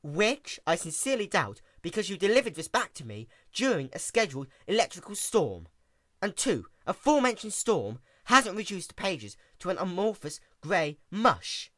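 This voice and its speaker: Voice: moderate pace, dry recording. A storyteller voicing a furious, exasperated young female pony princess who scolds with heavy emphasis in a cartoon fan story. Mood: controlled anger. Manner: emphatic, swinging from icy calm to booming shouts.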